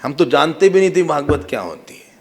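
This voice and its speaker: A man who is a swami, giving a devotional sermon and telling sacred stories in a lively, humorous way, acting out the quotes. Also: fairly high pitch, fairly quick. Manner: animated, humorous, acts out quotes. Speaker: swami, spiritual teacher.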